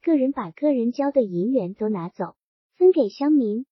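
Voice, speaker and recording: A woman's voice: fairly high pitch, expressive, normal speed, husky, no room sound. A woman reading the part of a scheming male township chief who needles and threatens, in a dull lo-fi recording. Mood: sly, menacing.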